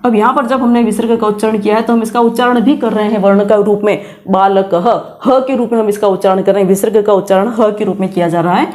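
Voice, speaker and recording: A woman's voice: medium pitch, fairly even intonation, quick pace, few pauses, darkish tone. A middle-aged woman teaching grammar, patiently explaining and repeating sounds aloud to demonstrate pronunciation. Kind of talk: classroom lesson, explaining pronunciation.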